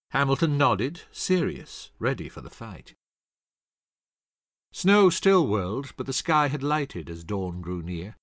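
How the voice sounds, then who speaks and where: A man's voice: mid-range voice, a bit bright, no echo, studio quality. A man narrating a scripted history story dramatically, acting out the voices of the people in it. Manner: dramatic, acts out quoted voices.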